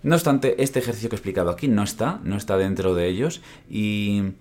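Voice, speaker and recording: A man's voice: on the low side, a little fast, a little mellow. A man teaching classical guitar technique on a podcast, explaining step by step and often checking in with "¿vale?". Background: guitar playing between phrases.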